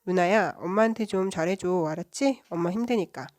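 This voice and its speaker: A woman's voice: fairly low pitch, brisk, darkish tone, no room sound, studio quality, lightly acted. A woman voicing a middle-aged father in a storybook reading, firm and scolding. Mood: gentle.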